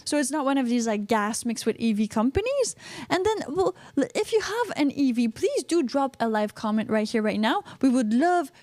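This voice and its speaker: A high-pitched woman with a Québécois French accent hosts a casual live podcast and reads viewer comments aloud. She talks in a chatty way and often repeats words while reading. The sound is dry and close. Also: sing-song, moderate pace, darkish tone, no room sound. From Quebec, Canada. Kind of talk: casual livestream chat.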